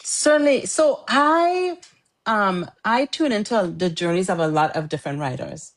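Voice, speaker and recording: A middle-aged author from Trinidad chats as a guest in a casual interview, talkative and laughing often. Her mid-range voice is expressive and unhurried.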